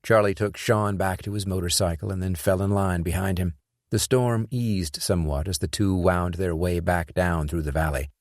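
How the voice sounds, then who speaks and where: A man narrating an action thriller audiobook in a steady, measured storytelling voice, close on a studio mic. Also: sits low, dry recording. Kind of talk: scripted narration.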